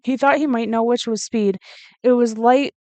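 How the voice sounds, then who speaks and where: A woman reading a novel aloud in a steady, expressive way. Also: a little high, normal speed, no echo. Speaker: reader.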